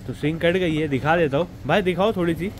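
A man talks fast in a somewhat high voice, chatting informally to his audience while showing goat farm chores in sequence. His vlog narration is direct and explanatory, set outdoors between a goat farm and a street. He wears a clip-on mic after setup, and the street traffic is loud.

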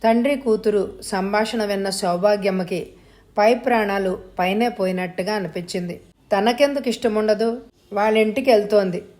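A woman narrating a family story as an audiobook reader, with even, measured delivery. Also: mid-range voice.

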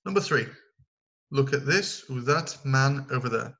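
A man's voice: medium pitch, expressive, unhurried, fairly bright tone, highs cut off. A man teaching a recorded online English lesson, explaining step by step and counting down aloud for his learners.

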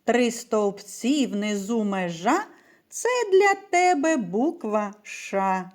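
A woman teacher giving a slow, sing-song early-years literacy lesson, speaking to small children. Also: medium pitch, lively intonation, a little mellow.

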